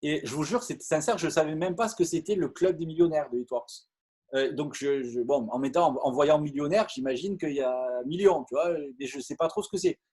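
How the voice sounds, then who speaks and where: A middle-aged man from France, speaking in a somewhat high, husky voice. He tells his story to a crowd with eager energy, stumbling and repeating words as he goes. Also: a little fast. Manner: lively, repeats words and stumbles, many fillers. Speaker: network marketing speaker. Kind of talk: animated storytelling talk to an audience.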